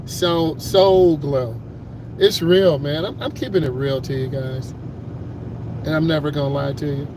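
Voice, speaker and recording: A man's voice: a little high, moderate pace. A middle-aged American man talking casually as a driving instructor, with streetwise, emphatic, slangy storytelling. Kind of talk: casual chatty talk during a driving lesson. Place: inside a moving car. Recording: loud car and road noise.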